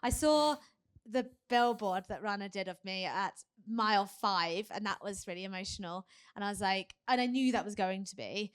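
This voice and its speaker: A woman's voice: medium pitch, normal speed, clean tone. A young woman, a marathon runner, chatting and laughing often with many fillers in a live podcast interview. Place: live event hub.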